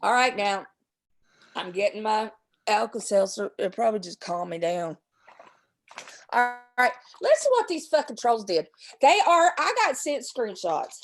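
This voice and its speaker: A woman's voice: medium pitch, sing-song, measured pace. A woman hosting a livestream, talking in a heated, profane, rambling way, stuffy with a cold and a sore throat. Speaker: livestream host. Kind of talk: casual chat and angry rant.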